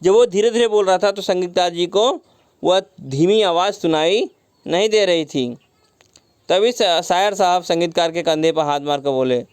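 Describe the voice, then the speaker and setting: A man's voice: high voice, normal speed, smooth, no echo. A man teaching a story lesson, retelling each line and glossing words with simple synonyms, mixing in English words. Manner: mixes English words into the explanation.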